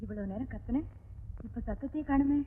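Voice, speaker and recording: A woman's voice: on the high side, fairly quick, phone-quality sound, a little hiss or hum, lightly acted. An actress playing a worried woman calling out for a missing man, in an old film soundtrack. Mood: anxious. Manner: anxious, calling out.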